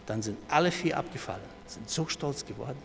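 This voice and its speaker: A middle-aged man preaching a sermon, dropping to soft low asides and then raising his voice loudly when he quotes. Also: expressive, a little fast, gravelly. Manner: swings between soft low asides and loud raised quoting. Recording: reverberant hall with faint noise.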